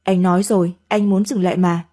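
A woman's voice: on the low side, flat delivery, brisk, mellow, close to an everyday voice. Woman reading as a weary married man.

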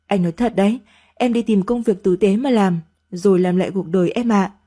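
Brief: a weary, evasive married man in a storybook reading, read by a woman in her own mellow voice. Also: mid-range voice, brisk, breathy edge, natural voice.

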